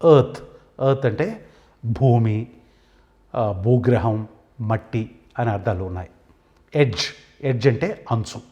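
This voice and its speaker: A man with a Telugu accent teaching an English vocabulary lesson, saying each word and then giving its meaning, with pauses between items. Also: mid-range voice, expressive, warm tone, highs cut off.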